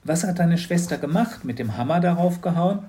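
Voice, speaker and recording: Man reading a gentle, dreamy older woman shopkeeper, warm-hearted, voice raised a little. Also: a little high, expressive, brisk, pitched above the performer's own voice, natural voice. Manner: gentle, musing.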